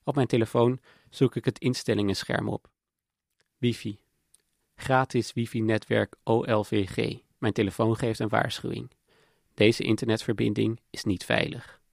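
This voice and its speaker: Low, gravelly man narrating calmly. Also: moderate pace, no room sound. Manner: calm, matter-of-fact, intimate. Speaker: narrator and documentary maker. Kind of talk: scripted first-person narration. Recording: dry close voice-over with faint music.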